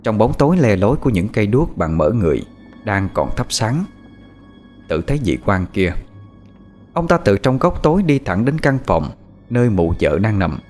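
A man's voice: on the low side, normal speed. A man narrating a horror story in a dramatic, scripted manner. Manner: lively, dramatic delivery. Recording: soft background music.

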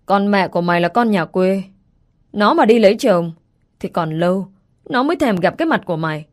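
A woman's voice: mid-range voice, animated, fairly quick, lightly acted. A woman voicing a scolding, contemptuous stepmother. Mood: scornful. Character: cruel shrill young stepmother.

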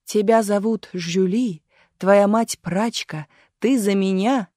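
A woman voicing a male revolutionary leader in a stage play, speaking in a slow, grandiloquent way. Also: mid-range voice, dark tone, no room sound, studio quality. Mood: theatrical. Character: revolutionary leader on stage, man, gentle, pompous. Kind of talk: audiobook character voice.

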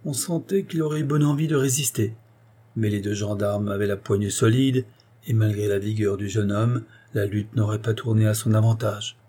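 Husky, dark-voiced male narrator. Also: on the low side, fairly even intonation, normal speed. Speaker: audiobook narrator. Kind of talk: scripted narration.

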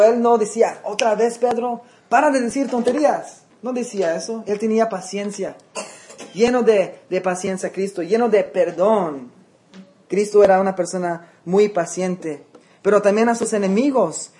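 A man's voice: high voice, warm tone, slight background noise. A male pastor preaching a sermon in a conversational way, often checking in with his listeners and dropping in English words. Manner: conversational preaching with frequent check-ins to the congregation; mixes English words into Spanish.

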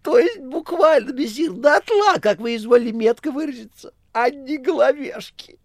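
Подобострастный, суетливый мужской голос демона в исполнении мужчины, взвинченный и высокий. Хриплые нотки, сухая запись без отзвука. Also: male voice, expressive, moderate pace, no room sound, studio quality. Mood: fawning. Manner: shrill, obsequious, exclamatory. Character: fawning lanky male demon retainer. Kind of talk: audiobook reading.

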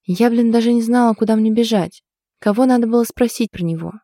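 A kind young woman in an audiobook who teases her friend softly and means well, voiced by a woman reader. Her voice is mellow and dark, recorded close in a dry booth. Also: a little high, brisk, dry recording, voice pushed up. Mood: rueful. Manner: teasing, gentle, soft-spoken. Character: teasing young woman, sympathetic friend in love. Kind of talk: audiobook character voice.

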